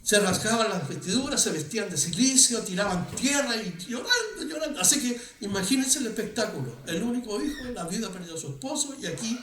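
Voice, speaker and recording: A man's voice: sits high, very animated, a little fast, hardly any pauses, a bit bright, reverberant, distant mic, a little hiss or hum. A man preaching a sermon in a conversational way, often asking his congregation questions. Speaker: pastor. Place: church hall.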